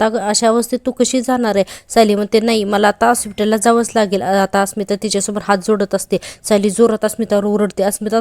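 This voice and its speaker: Speaking directly to her audience, this serial review host gives a relaxed, talkative rundown of a TV episode, peppered with filler particles. Her pitch is medium and slightly mellow, captured in a dry recording.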